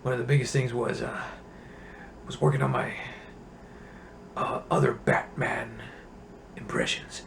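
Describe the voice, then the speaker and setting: A man playing a crude, bitter Batman with a raspy voice in a comedy sketch interview. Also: mid-range voice, sing-song, a little slow, pauses often, a little hiss or hum, pitched below the performer's own voice. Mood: grumbling. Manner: profane, grumbling, dry. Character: gruff grown male Batman, crude and bitter.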